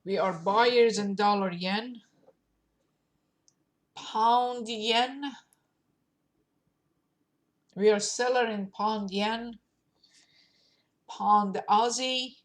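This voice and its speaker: A woman's voice: mid-range voice, steady tone, extremely slow, pauses often. A woman with a cold and a nasal voice, hosting a forex channel and walking through currency charts, thinking aloud. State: has a cold. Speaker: forex trading channel host. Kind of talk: casual market forecast walkthrough.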